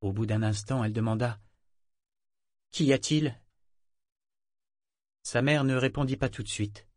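A man reads an audiobook in scripted narration, measured and expressive. His voice is medium in pitch, and the studio-quality recording has no room sound.

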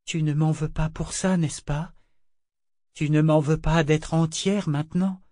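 A man voicing a gentle, wise living ship, female. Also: on the high side, dry recording, studio quality, pitched above the performer's own voice, lightly acted. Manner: soft, slow and calm.

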